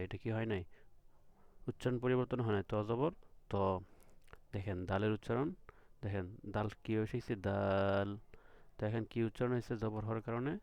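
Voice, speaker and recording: A man's voice: fairly low pitch, a little mellow, dry recording. A man teaching letter sounds to beginners, patiently repeating each sound and checking with questions. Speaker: Quran reading teacher. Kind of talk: recorded lesson.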